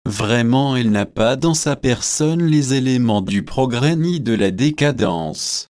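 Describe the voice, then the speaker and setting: A man's voice: medium pitch, lively intonation, a little slow, a little mellow, no echo, studio quality, natural voice. A man voicing a weary young man who is irritated by unwanted visitors and speaks in a formal, impatient way. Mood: exasperated.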